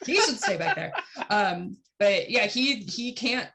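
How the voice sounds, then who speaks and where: A woman playing in a tabletop game, chatty and quick to giggle. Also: mid-range voice, expressive, a bit bright. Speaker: player. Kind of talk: casual tabletop game talk.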